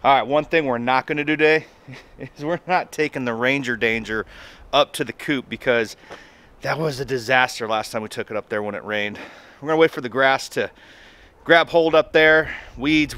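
Here a homestead vlogger in his thirties, an American man, chats to camera in a relaxed, colloquial, folksy manner. His voice sits mid-range with a fairly bright tone. Filmed in a yard and a garage, the clip carries background noise, outdoor wind, and birds.

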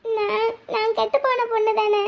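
A woman's voice: very high-pitched, flat delivery, moderate pace. A woman voicing a tearful, insecure young wife who speaks in a plaintive, pleading way in an amateur audio drama.

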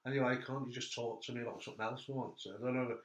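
A middle-aged man hosts a relaxed interview chat. He tells stories with lively, animated bursts, and his voice has a roomy echo. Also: medium pitch, quick pace. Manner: animated storyteller, voice jumps up when telling funny bits. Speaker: host. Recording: echoey room.

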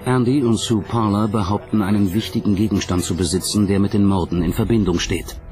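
A man narrates a documentary script a little quickly, in a fairly low, steady voice. Background music forms a bed beneath the narration.

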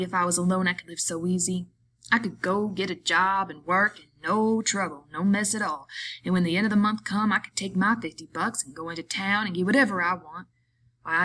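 A woman voicing a gruff, quick-tempered grown man, a ranch hand with rough rural drawling speech. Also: lowish voice, pushed and bright.

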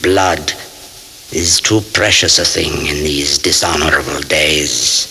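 An actor playing a proud, courtly old vampire count in a radio drama, grandiose, formal and menacing. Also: male voice, extremely low pitch, steady tone, slow pace, exaggerated voice. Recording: 1970s cassette drama with faint hiss.

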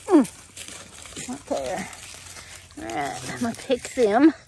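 Her pitch is fairly high and moves in big swings, her pace slow and her tone warm, with a bit of background noise. She's a middle-aged homestead vlogger filming by hand while strolling the woods behind her farmhouse, talking in a folksy, chatty way with easy laughs and plenty of fillers.

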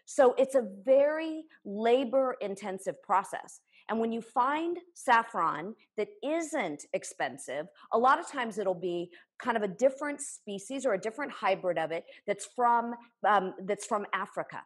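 A woman in her forties runs a live cooking demonstration from her home kitchen, chopping as she eagerly explains each step. Her voice sits a little high and sounds expressive and slightly breathy, and she talks a bit slowly with few pauses. This cooking instructor is picked up by a camera a few feet away.

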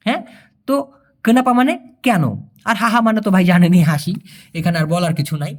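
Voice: mid-range voice, fairly even intonation, a little fast. A language teacher, explaining a lesson patiently and repeating phrases.

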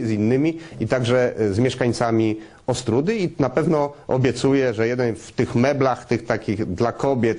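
Man giving halting interview answers. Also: medium pitch, darkish tone. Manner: halting, promotional, addresses viewers directly. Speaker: interview guest, trade fair business executive.

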